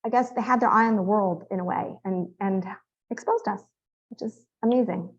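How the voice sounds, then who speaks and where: A woman in her fifties from California talks through her family history as an interview guest, wandering from one memory to the next with fillers and restarts. Her voice sits at an ordinary middle pitch. The audio is a little dull and lo-fi. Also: normal speed. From San Francisco Bay Area, California. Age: 50s. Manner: rambling, storytelling with many fillers and restarts. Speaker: author guest. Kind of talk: conversational interview.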